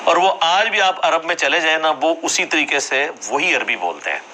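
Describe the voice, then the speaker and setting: A man's voice: a little high, animated, pushed and bright, a little hiss or hum, poor audio. A man giving a classroom religious lecture, explaining points conversationally and checking that listeners follow. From Jhelum, Punjab, Pakistan. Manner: conversational, explanatory, asks for agreement with tag questions.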